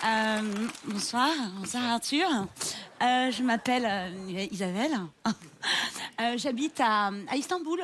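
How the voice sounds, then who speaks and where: A tipsy, flirtatious woman rambles slowly, put on by a woman. Her voice is high and her speech halting. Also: fairly bright tone, slight background noise. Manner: hesitant, giggly.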